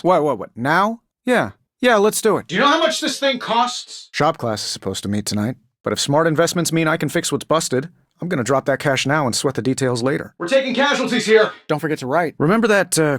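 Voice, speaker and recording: A man's voice: on the high side, no room sound, clean studio sound. A man playing a wisecracking, cocky genius inventor superhero in a video game, talking in a glib, sarcastic, conversational way. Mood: urgent, snarky. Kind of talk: video game character voice lines.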